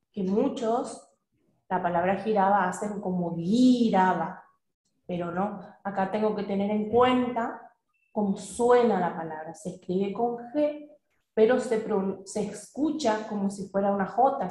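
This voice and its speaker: A woman walks her students through examples in a recorded class, speaking slowly and asking whether they can follow. Her delivery is measured and steady, at a middle pitch. The recording carries the echo of the room. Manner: measured, asks the students questions. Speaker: teacher. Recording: echoey room.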